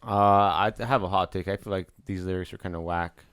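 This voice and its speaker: A man's voice: low-pitched, fairly even intonation, fairly quick, a bit bright, clear, resonant tone. A man co-hosting an album review in casual chat, blunt and laid-back with lots of slang. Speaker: co-host reviewer.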